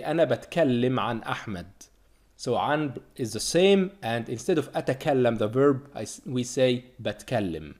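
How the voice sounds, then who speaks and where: A man from Egypt, teaching a language lesson and slowly repeating each word to drill it. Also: mid-range voice, a little mellow. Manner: slow, repeated drilling of words. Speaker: Arabic teacher.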